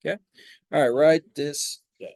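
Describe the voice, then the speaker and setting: A man's voice: on the high side, fairly even intonation, normal speed, creaky, a little mellow, poor audio. A man teaching a math class, talking casually and quizzing students with repeated prompts. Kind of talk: classroom lecture.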